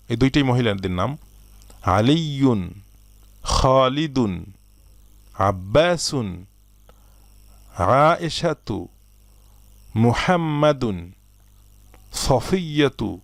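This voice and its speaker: A man teaching an Arabic lesson, slowly reading out word lists and asking learners to answer. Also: medium pitch, no room sound. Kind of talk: recorded language lesson.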